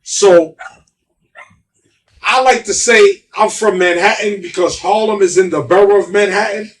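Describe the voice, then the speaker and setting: A man's voice: sits high, measured pace, recorded from a distance. A middle-aged man with a New York accent, telling stories in casual, emphatic street talk and repeating himself. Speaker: guest.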